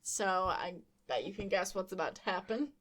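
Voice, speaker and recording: A woman's voice: medium pitch, expressive, normal speed, fairly bright tone. A young woman hosting a podcast, recapping a comic book casually with frequent laughter and wry asides. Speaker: podcast host.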